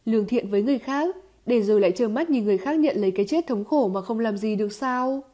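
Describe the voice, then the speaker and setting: A woman giving scripted audiobook narration of a novel in an even, steady storytelling manner. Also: fairly high pitch, fast talker.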